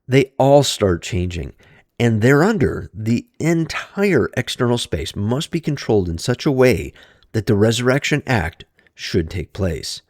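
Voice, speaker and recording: A man's voice: mid-range voice, big pitch swings, a little slow, darkish tone, no echo, studio quality. Synthetic male narrator claiming to be human. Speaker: audiobook narrator. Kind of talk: scripted audiobook reading.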